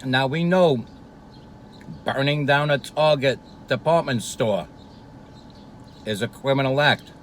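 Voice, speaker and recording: Slow, rambling New man eating. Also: medium pitch, slight background noise, rough recording. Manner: profane, meandering, hesitant fillers. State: eating while talking. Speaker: vlogger. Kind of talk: rambling casual monologue. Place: street near a Brooklyn diner.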